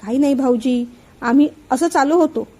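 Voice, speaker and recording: A woman's voice: high-pitched, moderate pace, dark tone, natural voice, rough recording. A woman voicing a suspicious middle-aged mother who frets and gossips about her son. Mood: fretful. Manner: complaining, gossipy.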